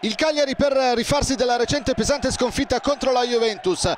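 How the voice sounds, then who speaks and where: A man commentating on football in breathless, excited goal-call style, shouting and stretching out his words. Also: extremely high pitch, brisk, faint music behind. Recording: crowd roar and stadium noise behind. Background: loud stadium crowd.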